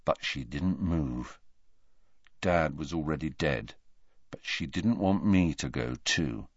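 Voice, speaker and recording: A man voicing a quiet, steady teenage boy who presses his point in a level voice, in a storybook reading. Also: fairly low pitch, slow pace, no room sound, muffled recording, pitched above the performer's own voice, full character voice. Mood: near whisper.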